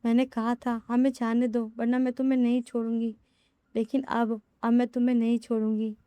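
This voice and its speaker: A woman's voice: on the high side, level tone, normal speed, mellow, clear, resonant tone, no room sound, lightly acted. A woman voicing a young heroine who is cold, commanding and fiercely protective.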